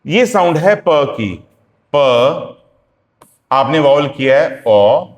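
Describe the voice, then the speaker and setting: A man teaching phonetics, spelling out sounds slowly and repeating examples. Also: on the high side, very animated. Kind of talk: classroom lecture. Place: classroom. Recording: echoey classroom with long reverb.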